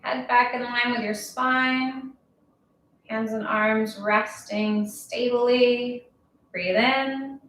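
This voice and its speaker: A woman instructor leading a yoga class, talking calmly and slowly with a gently playful touch. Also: a little high. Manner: calm, slow, gently playful. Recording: very echoey room, voice from far off.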